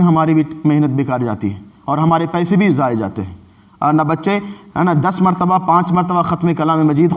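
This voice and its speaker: A man with an Indian Urdu accent teaching a Quran recitation lesson in a mosque, explaining patiently and slowing down to chant his examples. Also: a little high.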